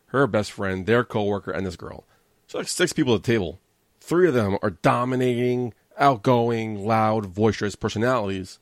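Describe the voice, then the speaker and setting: This podcast host has a fairly low-pitched voice recorded in clean studio quality with no echo. Hosting a casual solo show, he's chatty and self-deprecating, tossing joking asides to his listeners.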